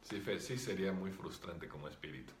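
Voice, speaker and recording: Brief: spiritual teacher, relaxed explanatory chat, lowish voice. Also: male voice, a little fast, echoey room. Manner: calm, explanatory, with many fillers. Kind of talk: casual talk answering viewer comments.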